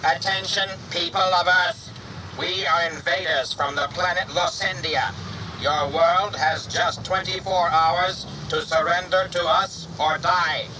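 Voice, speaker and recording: A man voicing a menacing alien invader with a cold, booming, metallic-sounding delivery. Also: steady tone, measured pace, distant mic, noisy background.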